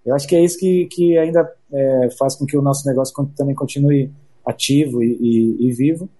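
A Brazilian man talks as an interview guest, explaining his trade casually. His voice is husky and very mellow, at a middling pitch, and he often restarts and adds little tag questions. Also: steady tone. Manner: halting, frequent "né" tags and repeated words.

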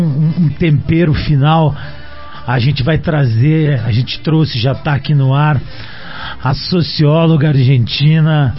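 Male host, Brazilian Portuguese accent, highish voice, effusive and flowery, dull lo-fi audio. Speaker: programme host. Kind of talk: informal spoken introduction of guests.

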